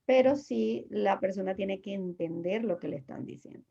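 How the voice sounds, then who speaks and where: A woman's voice: mid-range voice, moderate pace, vocal fry, warm tone, husky, dull audio. A woman immigration lawyer giving patient, reassuring explanations as an interview guest, with many fillers and restarts.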